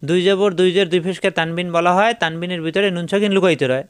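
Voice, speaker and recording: A male Quran teacher giving a patient step-by-step recitation lesson, slowly repeating each syllable for his learners. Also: high-pitched, fairly even intonation, smooth, no echo, clean studio sound.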